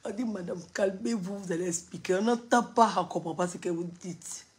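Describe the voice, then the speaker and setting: A woman voicing an official who sternly questions someone and keeps repeating orders to calm down. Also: medium pitch, fairly quick, close to an everyday voice. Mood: stern, insistent. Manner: firm, repeating commands.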